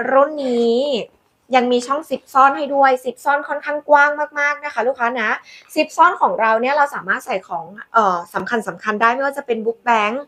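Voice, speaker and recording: A woman hosting a live sales pitch, demonstrating products in a chatty, coaxing way with polite endearments to customers. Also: fairly bright tone. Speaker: live-selling host presenting handbags.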